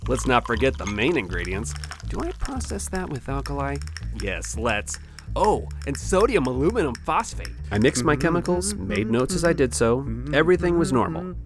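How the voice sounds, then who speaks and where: An actor playing a fussy, exasperated lab scientist, dramatic and swinging from dry deadpan to pleading in comic dialogue. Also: mid-range voice, normal speed, over music. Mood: dry, aggrieved. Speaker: actor in a comedy sketch.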